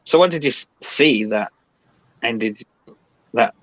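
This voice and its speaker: A man hosting a podcast interview, asking measured, probing questions. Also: medium pitch, lively intonation, fairly bright tone, dry recording. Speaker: podcast host. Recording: dry, dull lo-fi sound.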